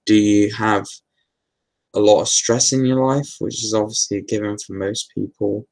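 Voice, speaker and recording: Male host, low voice with fry, casual rambling Q&A delivery. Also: moderate pace. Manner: relaxed, meandering, with many fillers and restarts. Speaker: host answering viewer questions. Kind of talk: casual live Q&A talk.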